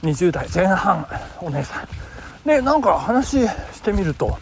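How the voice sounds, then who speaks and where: A man's voice: high voice, big pitch swings, measured pace. A man hosting a casual solo podcast, telling a story in a polite, chatty way with many fillers. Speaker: podcast host and amateur rakugo performer. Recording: noisy background.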